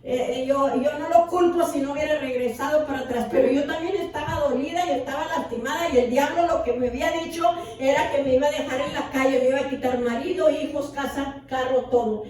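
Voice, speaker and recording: A high-pitched woman pastor preaches a testimony sermon with passion, repeating her words again and again for weight. Her voice rings through a large echoing church and is heard from a distance, far from the microphone. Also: fairly even intonation, a little fast, hardly any pauses, darkish tone. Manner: impassioned, repeats words for emphasis. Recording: echoey hall from far off.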